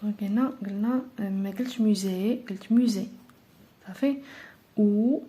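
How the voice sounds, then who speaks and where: A woman teacher with a Moroccan Arabic accent talks her class through a grammar lesson in a mellow, warm voice. She explains patiently, step by step, filling pauses as she goes. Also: mid-range voice.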